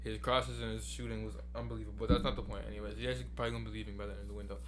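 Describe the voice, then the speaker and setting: A man's voice: on the low side, level tone, slight background noise. A man co-hosting a podcast, arguing a football point and pushing on over interruptions. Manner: fast, insistent, talks over interruptions. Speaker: podcast co-host. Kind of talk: casual sports debate.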